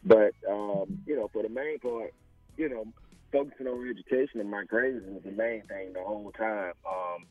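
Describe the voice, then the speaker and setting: A man's voice: on the low side, moderate pace, dry recording. A man in his forties from small-town Alabama with a Southern US accent, telling his story casually and often saying "you know.". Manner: conversational, peppered with "you know". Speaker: interview guest, former pro football player. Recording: tinny phone line, faint music.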